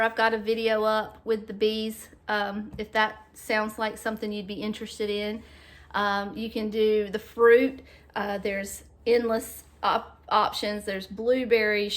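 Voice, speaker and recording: A woman talks casually to her viewers from her home, pitched a little high. She is friendly and chatty, leaning on ums and small restarts as she goes. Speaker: home decor vlogger. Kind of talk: casual chat to camera.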